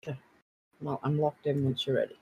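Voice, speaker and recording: A man chatting casually while gaming, quick to tease and jumping up in excitement. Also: on the high side, husky, low-quality recording. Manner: animated, jumpy, teasing. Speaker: podcast guest.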